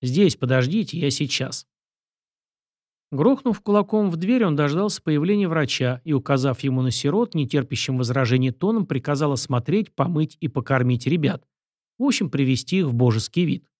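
A man narrating an audiobook in a steady storytelling voice. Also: a little high, brisk, no room sound, studio quality. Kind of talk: scripted narration.

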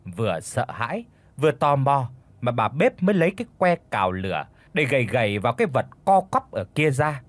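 A man's voice: medium pitch, big pitch swings, a little fast, dry recording. A man narrating a ghost story with dramatic expression. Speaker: audiobook narrator.

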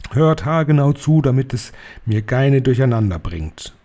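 A man's voice: medium pitch, very animated, moderate pace, warm tone, natural voice. A man reading a story aloud, voicing a tiny, furious female witch leader who shrieks and barks orders. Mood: domineering.

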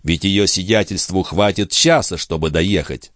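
A man's voice: deep voice, measured pace, a bit bright, no echo, studio quality. A man playing a composed young hairdresser. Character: self-assured young male hairdresser, polite.

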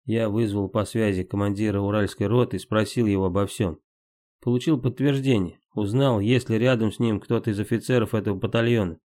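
A man's voice: on the low side, steady tone, a little fast, dark tone. A man reading a first-person war memoir aloud in terse, matter-of-fact, clipped sentences.

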